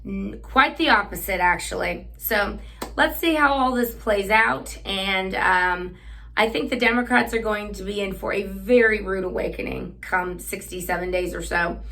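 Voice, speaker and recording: In her political commentary monologue, the woman hosting sounds pushed and bright, with a medium pitch and vocal fry at a normal speed. She comes across as sarcastic and combative, often using fillers and starting over.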